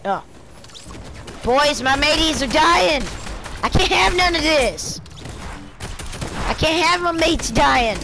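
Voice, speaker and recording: High-voiced excitable woman gamer. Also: slow, long pauses, background noise. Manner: excitable, exclaiming, goofy. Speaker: gamer streaming her play. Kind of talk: casual gameplay commentary. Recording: game gunfire over the voice. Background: video game gunfire and clicks.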